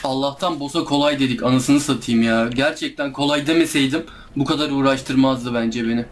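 A man's voice: medium pitch, steady tone, a little fast, a little hiss or hum. A young man commenting live on a hard game he is playing, exasperated, groaning and pleading with the enemies as he keeps losing. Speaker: gameplay streamer.

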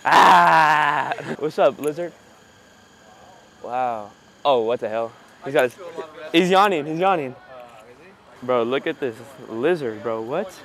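A young man on a beach vlog, goofy and excitable, cracking jokes with friends. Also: fairly high pitch, slow pace, creaky, long pauses.

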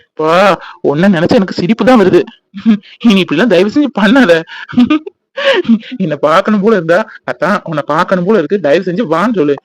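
A young man voicing a hot-tempered village fiancé in a cartoon, who scolds quickly, then turns tender. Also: high-pitched, no echo, poor audio.

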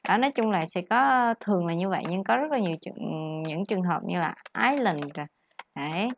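A woman's voice: lowish voice, expressive, fairly quick, gravelly, a little hiss or hum. A woman teaching English, patiently explaining word stress and mixing English words into her explanations. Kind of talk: tutoring lesson on word stress.

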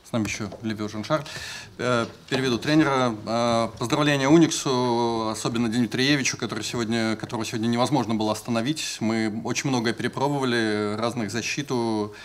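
A man's voice: mid-range voice, steady tone, a little fast, a little hiss or hum. A man moderating a press conference and translating the coach's remarks in a businesslike way with fillers. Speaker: press officer and interpreter. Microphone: table mic.

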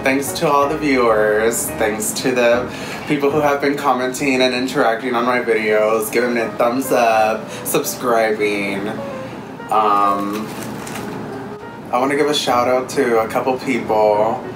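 A man's voice: medium pitch, steady tone, measured pace. A young man chatting casually as he hosts a meal video, chewing while talking. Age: young adult. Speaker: vlogger, mukbang host. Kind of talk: casual chat over a meal. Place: living room, indoors. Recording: roomy echo, music behind.

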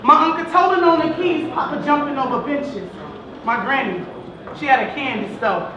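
A woman performing spoken word poetry on stage, rhythmic and rising to shouts. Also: sits high, normal speed, highs cut off, noisy background. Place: large hall. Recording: echoey hall from far off.

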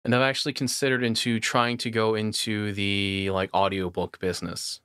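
Bright, crisp-voiced opinionated man. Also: on the low side, level tone, moderate pace, no room sound, studio quality. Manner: opinionated, rambling about audio gear. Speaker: podcast co-host. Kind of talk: casual podcast chat.

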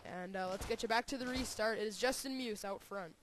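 A man doing play-by-play race commentary with a voice going hoarse, getting excitable and loud when cars crash. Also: high voice, a little fast. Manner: excitable, voice rises sharply during wrecks. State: losing his voice. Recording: noisy game sound behind. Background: racing game engine noise.

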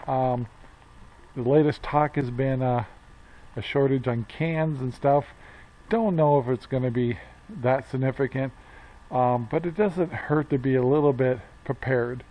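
A man's voice: mid-range voice, measured pace. Older guy in his 60s vlogging outside by his barn, lots of uhs, kinda muffled camera sound. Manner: rambling, many fillers and restarts. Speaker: homestead vlogger. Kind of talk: casual chat to camera. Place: outdoors by a metal barn. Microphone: action camera at arm's length.

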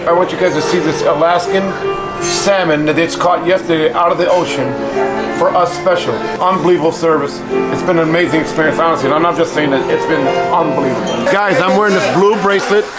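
High-voiced enthusiastic man over loud music. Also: fast, low-quality recording. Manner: enthusiastic, effusive. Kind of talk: casual vlog chat. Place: cruise ship and outdoor excursion.

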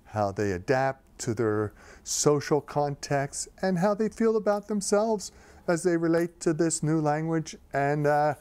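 A man speaking as a language expert in a documentary interview, in a measured, lecturing way. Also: fairly high pitch, expressive, darkish tone, clear, resonant tone, no room sound.

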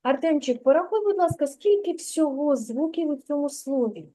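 In a classroom, a kindergarten teacher patiently coaches a young boy through a reading lesson, sounding out each syllable in turn. Her voice is high, mellow and expressive at a normal pace, though the recording is rough.

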